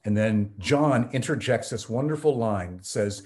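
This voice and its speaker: This podcast guest, an American man who teaches theology and pastors, speaks a little slowly in a mid-range, darkish voice. His explanations in the conversational interview are earnest and instructive, with plenty of ums.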